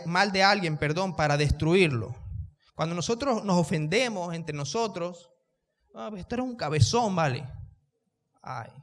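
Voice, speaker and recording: A man's voice: on the high side, fairly bright tone, long reverb tail. A male pastor, preaching a sermon, raising his voice so the room can hear him and putting questions to the congregation. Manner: raises his voice to reach the room. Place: church.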